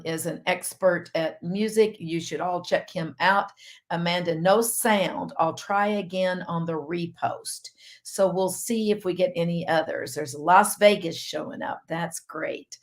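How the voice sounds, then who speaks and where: A middle-aged woman physician with a Southern US accent, hosting a live online health session in a chatty, rambling way. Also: fairly low pitch. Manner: chatty, rambling, laughs easily. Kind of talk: casual live-stream chat.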